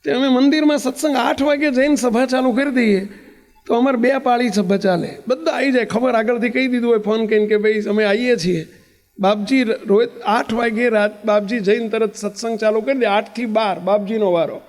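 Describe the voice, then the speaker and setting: High-voiced man telling a sermon story. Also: fairly quick, big-room sound. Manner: lively storytelling, acts out the voices of people in the story.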